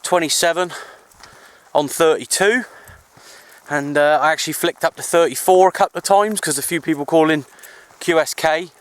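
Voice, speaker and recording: For his countryside hobby vlog, filmed on a handheld camera, an amateur CB radio enthusiast chats in a loose, easygoing, rambling way. His voice is fairly high-pitched and his speed is normal.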